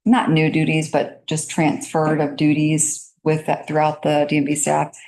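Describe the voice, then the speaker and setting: Woman, town manager, low voice, hesitant council report. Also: monotone, moderate pace, darkish tone, a little hiss or hum. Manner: hesitant, many fillers.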